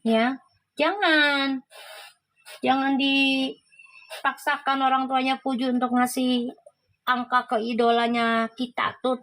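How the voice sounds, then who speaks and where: A woman's voice: high-pitched, gravelly, a bit bright, poor audio. A woman hosting a casual livestream, chatting and reacting to viewer comments, laughing often.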